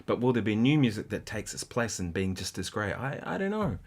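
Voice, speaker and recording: A man hosting a casual guitar livestream, rambling in a halting way with many restarts and sometimes counting rhythms aloud. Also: on the low side, sing-song, a little mellow.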